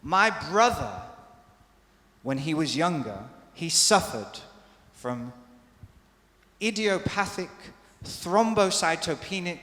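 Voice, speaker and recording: Man, teacher, slow drilled pronunciation, bilingual, roomy hall echo. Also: a little high. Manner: lively, drills words slowly, switches between English and Spanish. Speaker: English teacher. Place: hospital lecture hall. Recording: echoey hall with long reverb.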